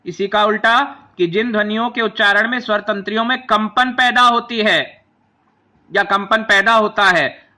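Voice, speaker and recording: A man teaching a grammar lesson. He spells out each sound slowly, one at a time, and asks the class to say them along with him. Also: high voice, bright, forceful tone. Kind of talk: classroom lesson explaining a chart.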